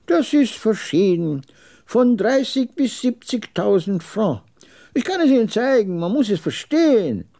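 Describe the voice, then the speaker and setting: A man playing a proud old camel dealer in a radio story, his voice jagged and raspy like a worn blade, pitched high above a reading voice. He speaks in curt, mocking phrases with a lofty swing to the pitch, looking down on everyone around him. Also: big pitch swings, a little slow, mellow, exaggerated voice. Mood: boastful.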